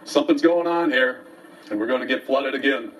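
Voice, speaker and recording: Speaking fairly quickly at medium pitch with a fairly bright tone, a local commentary host airs his grievances to viewers in a folksy, opinionated monologue. Now and then he reads from papers. It's recorded on a distant mic with faint noise behind him.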